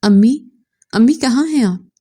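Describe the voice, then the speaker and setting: A woman's voice: on the high side, a little slow, mellow. A woman voicing a panicked, crying young woman. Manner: tearful, alarmed calling out.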